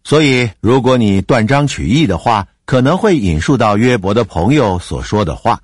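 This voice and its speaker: A man's voice: medium pitch, lively intonation, normal speed, no echo, studio quality. A man teaching from the Bible, explaining in an emphatic way with occasional fillers.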